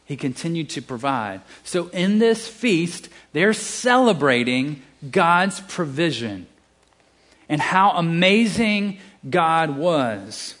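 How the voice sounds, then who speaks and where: A man's voice: a little high, big pitch swings, takes it slowly, fairly bright tone. A man with a Southern US accent preaching a sermon, emphatic, with casual asides and restarts.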